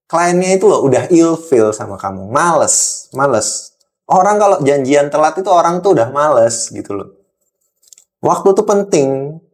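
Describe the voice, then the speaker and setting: Man acting as angry boss, slightly high male pitch, stern, scolding, repetitive lecturing, workplace role-play monologue. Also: lively intonation, moderate pace.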